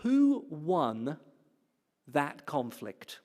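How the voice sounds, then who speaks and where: A man's voice: on the high side, extremely slow. Man speaking in a reverberant hall. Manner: animated and playful, asks the audience questions. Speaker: platform speaker. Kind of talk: lecture-style address to a congregation. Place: hall with an audience.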